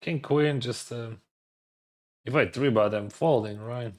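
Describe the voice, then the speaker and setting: A medium-pitched man who speaks Russian as his first language streams his online poker games, thinking aloud in English at a measured pace. His non-native English is hesitant and full of fillers, and he keeps second-guessing himself.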